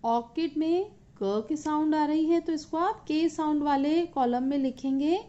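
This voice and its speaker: A woman's voice: sits high, dark tone, highs cut off. A woman teacher with an Indian accent, taking children through an English lesson and switching between English and Hindi as she explains. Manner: slow, deliberate reading aloud for kids.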